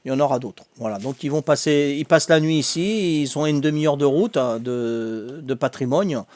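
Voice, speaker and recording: A man's voice: medium pitch, moderate pace, darkish tone. An older man from Corsica, a streamer telling casual anecdotes in a chatty way, laughing often and filling his talk with repeats.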